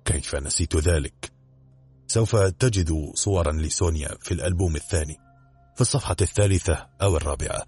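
A man's voice: low voice, brisk, a little mellow, breathy edge, faint music behind. A man voicing a composed, short-sighted older woman in a mystery audiobook. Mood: calm.

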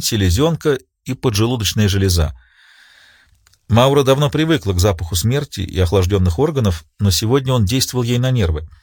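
A man narrating a crime novel audiobook in an even, measured reading. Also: fairly low pitch, slightly rough, no echo, studio quality.

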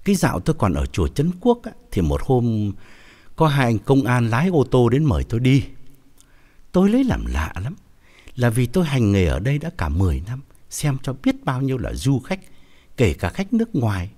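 A man voicing a boastful older male fortune teller spinning a story with a husky voice. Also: mid-range voice, wildly swooping pitch, moderate pace, darkish tone.

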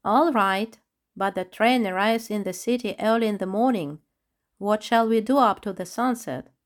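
A woman's voice: medium pitch, normal speed, close to an everyday voice. A woman voicing a practical male companion in a children's audiobook, asking questions.

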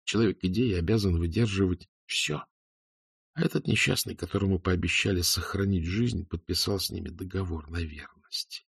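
A man narrating a novel in a scripted, expressive reading. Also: low-pitched, moderate pace, vocal fry, husky, dry recording, studio quality. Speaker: audiobook narrator.

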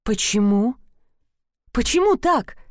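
A frightened young sister torn between gratitude and resentment, as a woman reading a novel puts her on. Her lines climb higher than the narration around her and come out pleading. The voice sits close and dry, with no room around it. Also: very animated, slow pace, no echo. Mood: upset. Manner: emotional, rising and pleading. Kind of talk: audiobook character voice.

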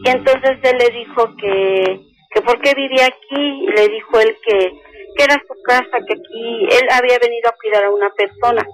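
A woman's voice: a little high, rough recording. Older woman telling a story. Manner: slow, earnest retelling that quotes each speaker. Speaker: caller. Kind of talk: telling a personal story on a call-in radio show.

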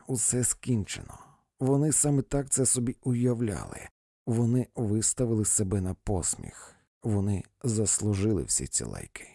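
A man narrates a story with dramatic, expressive delivery. His voice is mellow and dark, moving widely in pitch. The recording is dry and close, with no room sound. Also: no room sound. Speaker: audiobook reader.

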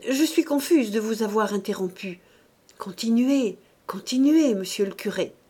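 A woman's voice: fairly high pitch, lively intonation, moderate pace, a little mellow, slightly rough. A woman reading an audiobook, voicing a sarcastic judge's wife who speaks with cutting, over-polite mockery. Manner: mocking, terribly polite tone.

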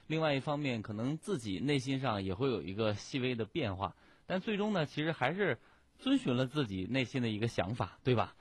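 Man, radio interviewer, calm, husky, dry close voice. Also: mid-range voice, fairly quick, no echo. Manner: calm summarizing questions with soft acknowledgements. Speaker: radio host.

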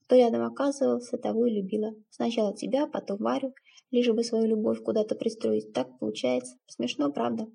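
A guilt-ridden middle-aged stepmother, read by a woman in a spoken story, halting and tearful as she blames herself. The voice is raspy and creaky, fairly high, with a mellow warmth. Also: animated, full character voice. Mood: guilty, tearful. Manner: tearful, halting, self-reproaching.

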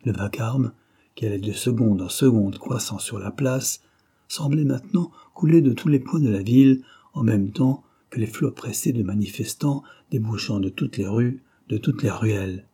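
A man narrates a novel as an audiobook reader, keeping a steady, measured delivery. His voice is mid-range and slightly rough.

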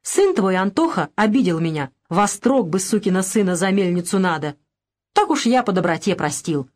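A woman's voice: mid-range voice, very animated, normal speed, a little mellow, close to an everyday voice. A woman voicing a poor old peasant man who pleads plaintively for bread, reading a storybook. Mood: pleading.

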